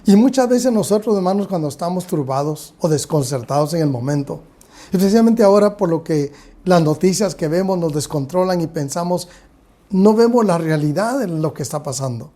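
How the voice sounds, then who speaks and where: A Guatemalan man preaches a sermon in a fairly high voice. His tone is mellow and soft-edged. He keeps turning to address his congregation as brothers and sisters. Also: animated, moderate pace. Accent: Guatemalan Spanish. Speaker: pastor.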